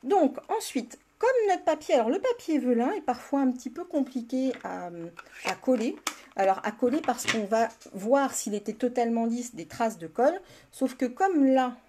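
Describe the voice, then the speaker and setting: An older woman with a high, expressive, slightly mellow voice leads a live card-making tutorial at a moderate pace. As a crafting demonstrator, she chats with viewers by name and laughs often while she works.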